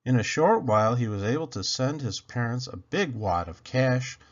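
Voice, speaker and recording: At normal speed and in an animated, mid-range voice, a man reads a children's picture book aloud for his channel. Dramatic emphasis and questions aimed at listeners mark his reading, which is captured with dull, lo-fi sound.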